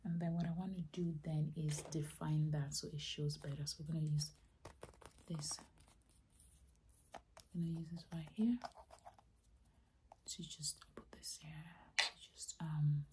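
A woman doing a fast, aggressive ASMR role-play as a makeup artist, mostly soft-spoken with rapid repeated words and slipping into soft speech. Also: low voice, little pitch movement, slight background noise.

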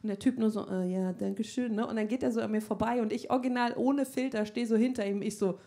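A woman's voice: fairly high pitch, steady tone, fast talker, warm tone. A woman performing a stand-up routine on a comedy club stage, blunt, crude and self-mocking. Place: comedy club stage before a live audience.

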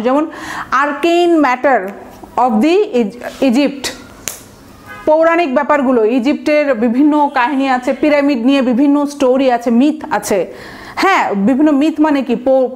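A woman from Bangladesh with a high, light voice gives a recorded vocabulary lecture for exam students. She explains each word patiently, spells it out letter by letter, and mixes English example sentences into her explanations. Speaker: vocabulary teacher.

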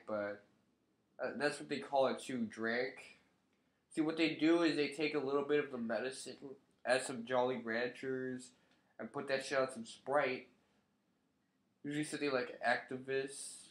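A young male vlogger with a cold talks to his webcam in the living room, his voice stuffy and nasal, medium in pitch and unhurried. His casual commentary is loose, offhand and sprinkled with swearing, and the room gives it an echoey sound.

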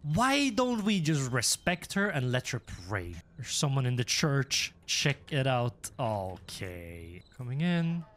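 Lively, joking man playing a horror game. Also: medium pitch, slow, hardly any pauses, a little hiss or hum. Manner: jokey, animated reactions with nervous laughter. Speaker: gaming YouTuber. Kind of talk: horror game playthrough commentary.

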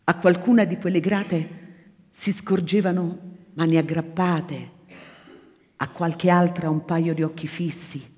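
A woman actress reading a novel aloud to an audience, measured and expressive, her voice falling soft at pauses. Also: lowish voice. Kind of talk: literary reading before an audience. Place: small theatre foyer hall. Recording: live in a reverberant theatre room.

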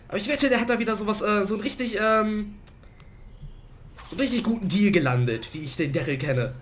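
A man commentating his own gameplay in a let's play, a little hoarse from a cold and prone to excited outbursts. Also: high-pitched, a little hiss or hum. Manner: excitable, swings to loud outbursts and laughter. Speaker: gaming let's player.

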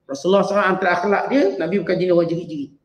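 High-voiced Malaysian religious teacher. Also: male voice, reverberant, rough recording. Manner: chants Arabic verses slowly, then explains in lively everyday speech. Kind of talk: Quran exegesis lesson.

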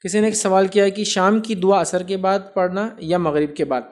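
High-voiced man explaining religious rulings. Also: fairly even intonation. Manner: explanatory, often checks understanding with "right?"; mixes English words into Urdu. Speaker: Islamic speaker answering viewers' questions. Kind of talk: religious Q&A lecture.

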